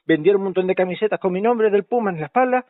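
A man's voice: high-pitched, racing, no room sound, natural voice. A man playing a rambling, self-important, self-pitying fake doctor on a prank phone call, heard over a tinny phone line.

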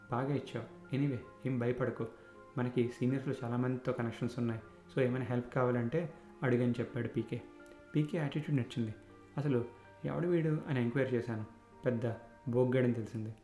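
Male narrator, thirties, reflective first-person storytelling; roomy echo, soft music underneath. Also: medium pitch. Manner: reflective, conversational.

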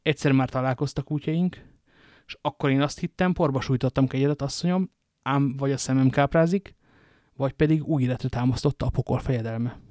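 A man voicing a cold, grim nobleman in a storybook reading, speaking low and measured. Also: mellow, no echo, clean studio sound, close to an everyday voice.

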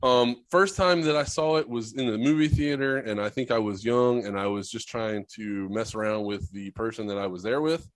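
A man's voice: on the low side, normal speed, few pauses, no room sound. A man co-hosting a crude, casual sports podcast, joking and laughing often and swearing freely. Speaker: podcast co-host.

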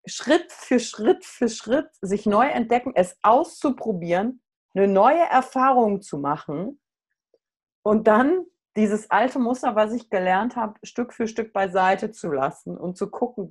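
A middle-aged woman, a coach, telling a personal story in casual conversation, candid and animated. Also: medium pitch.

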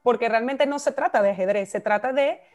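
A woman's voice: fairly high pitch, fairly quick. A woman co-hosting a podcast, talking casually and laughing at her own slips. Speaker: podcast co-host. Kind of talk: casual chat.

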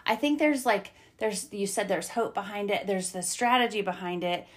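A woman's voice: medium pitch, normal speed. A woman hosting a podcast interview, affirming and enthusiastic toward her guest. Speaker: podcast host. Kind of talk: casual interview.

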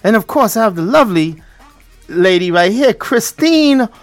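A man with a Brooklyn accent hosting a lively community talk show, speaking colloquially and repeating phrases for emphasis. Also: high voice, moderate pace, soft background music.

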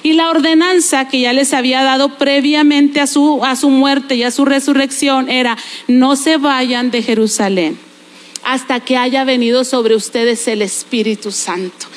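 A middle-aged woman preaching a sermon, animated, with humorous asides, slowing down to spell out Greek words. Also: high voice. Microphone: recorded during a church service.

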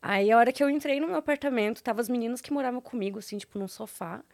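A woman's voice: a little high, rapid-fire, creaky, darkish tone, dry recording. Chatty Brazilian woman telling stories. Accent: Brazilian Portuguese. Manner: chatty, laughs often, many fillers like tipo and né. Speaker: interview guest, photographer. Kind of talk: casual storytelling interview.

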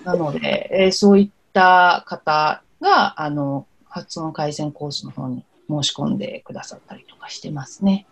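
A woman interpreter speaking as a podcast guest in a relaxed, thoughtful way, often pausing on soft fillers. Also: low voice, vocal fry, husky.

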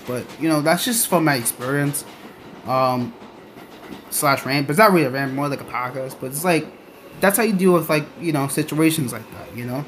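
A young adult rambling through a casual podcast-style rant in a halting, repetitive, emphatic way. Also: medium pitch. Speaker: podcaster, online content creator. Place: on board a train. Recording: noisy train ambience behind the voice. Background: train noise.

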